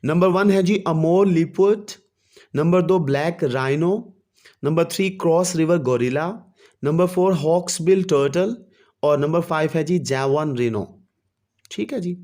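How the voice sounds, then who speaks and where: Guy teaching a kids english class, kinda high voice, takes it super slow. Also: darkish tone. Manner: reads each English line slowly, then explains it. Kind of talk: bilingual lesson explanation.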